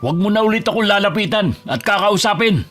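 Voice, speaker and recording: A man's voice: medium pitch, fairly quick, close to an everyday voice. An actor playing a bus driver and husband who has turned curt and defensive, snapping and raising his voice. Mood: hostile. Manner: curt, bristling, flares into shouting. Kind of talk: audio drama acting. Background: music.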